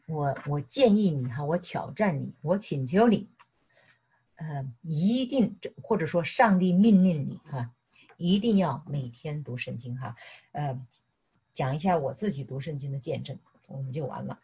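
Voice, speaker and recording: A middle-aged woman from mainland China gives an animated sermon, mixing personal testimony with questions to her listeners. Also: low-pitched, normal speed, slightly rough. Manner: animated, repeatedly asks "是不是". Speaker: preacher.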